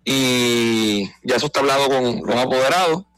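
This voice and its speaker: A man's voice: medium pitch, moderate pace, fairly bright tone, clean tone, no echo, poor audio. A man, talking baseball in a casual radio conversation, explaining things in an informed, emphatic way. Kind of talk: casual sports talk.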